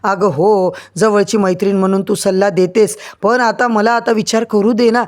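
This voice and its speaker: A woman's voice: mid-range voice, steady tone, normal speed, a little mellow, close to an everyday voice. A woman reading an anxious controlling matriarch. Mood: insistent.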